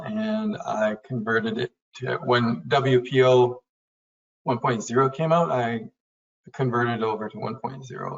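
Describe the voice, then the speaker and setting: A man with a Canadian accent and a gravelly, creaky voice talks in a loose, rambling way, full of fillers. He sits a little way back from the mic, and the call audio comes through muffled and dull. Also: on the low side, recorded from a distance. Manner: rambling, relaxed, with fillers and laughs. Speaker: web designer sharing his experience. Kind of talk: casual storytelling on a webinar call.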